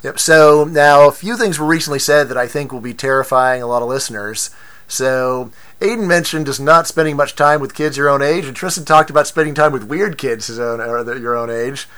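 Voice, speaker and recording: A man's voice: medium pitch, brisk, a bit bright, clear, resonant tone. A middle-aged man hosting a casual podcast interview, asking playful questions and often cutting in. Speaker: host interviewing his sons.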